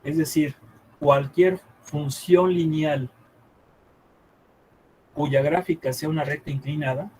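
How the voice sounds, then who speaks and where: A man teaching a math class live, thinking aloud as he draws on the board and checking often with quick questions whether the students follow. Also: fairly high pitch, steady tone, a little mellow, slightly rough, rough recording.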